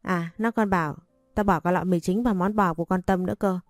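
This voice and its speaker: A woman's voice: lowish voice, fairly even intonation, fairly quick, no echo, faint music behind, lightly acted. A woman voicing a cowardly teenage girl who pleads and whines, in a storybook reading. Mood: pleading. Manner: pleading and whiny.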